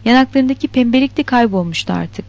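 A woman reading a novel aloud in steady, even storytelling narration. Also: on the high side, quick pace. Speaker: audiobook reader. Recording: dull lo-fi recording.

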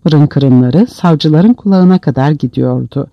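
A man's voice: fairly high pitch, measured pace, gravelly, no room sound. A man narrating an audiobook in a dramatic storytelling manner, on a dull, dry lo-fi recording.

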